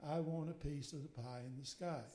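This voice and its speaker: A man's voice: on the high side, steady tone, fairly quick, warm tone, echoey room. An older man from Mississippi, a radio guest telling a long personal story in a meandering way, linking it with "and so anyway". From Mississippi, USA. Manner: meandering, strings clauses with "and so anyway".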